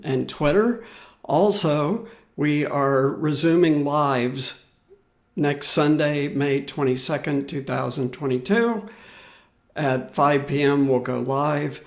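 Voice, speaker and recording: A man hosting his own podcast, talking loosely and unhurriedly with many fillers and restarts. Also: mid-range voice. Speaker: podcast host. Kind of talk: solo podcast commentary.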